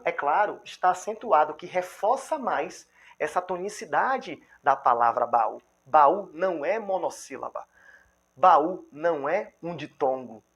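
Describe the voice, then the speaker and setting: Fairly high in pitch with a breathy edge, this man speaks with a Brazilian Portuguese accent while teaching grammar. His delivery is lively and full of constant check-ins with the viewer. Examples are sounded out slowly, one syllable at a time.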